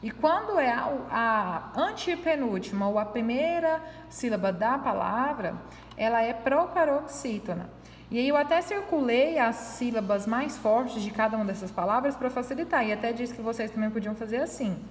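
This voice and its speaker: A woman teacher with a high voice goes over a graded test one answer at a time. She explains each point patiently and keeps checking in with her students. Her voice rings with a long reverb, as if recorded in a hard-walled room. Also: lively intonation, moderate pace, a little hiss or hum. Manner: patient, explaining step by step, frequent tag questions.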